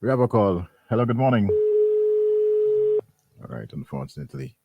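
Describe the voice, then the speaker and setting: A man's voice: medium pitch, sing-song, moderate pace, creaky, recorded from a distance, dull audio, noisy background. A man co-hosting morning radio in a studio, dropping brief dry interjections and taking calls. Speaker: radio co-host.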